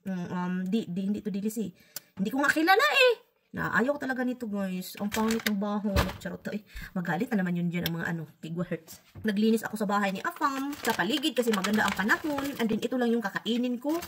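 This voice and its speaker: A woman's voice: mid-range voice, expressive, fast talker, noisy background. A woman chatting casually to her viewers in a home vlog, calling out to them often. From Philippines. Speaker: vlogger.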